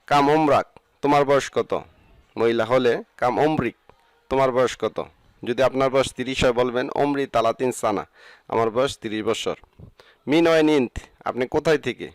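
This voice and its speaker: Male language tutor, mid pitch, slow drilled phrases, dry close recording. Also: no echo. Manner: says each Arabic phrase slowly, then gives its meaning. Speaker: Arabic language teacher.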